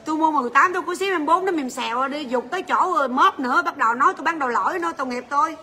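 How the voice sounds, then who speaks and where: High bright-voiced woman selling on livestream. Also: very fast. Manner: chatty, joking, rattles off prices and buyer names. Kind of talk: livestream sales chat.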